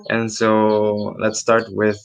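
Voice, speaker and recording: A research assistant from Indonesia, male, delivers a webinar presentation casually over a computer mic, often saying um and restarting. He takes it slowly, in a fairly low, monotone voice with a clean tone.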